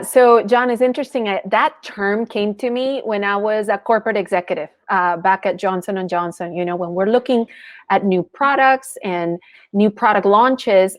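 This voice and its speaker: A woman from Colombia who learned English as a teenager speaks as an interview guest, earnest, articulate and businesslike. Her voice is medium-pitched, and the recording is dry.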